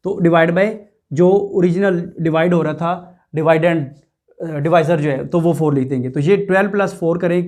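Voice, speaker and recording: A man's voice: on the high side, darkish tone. A man teaching a math lesson, explaining each step and asking his students rhetorical questions as he works through the numbers. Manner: addresses students directly and repeats numbers.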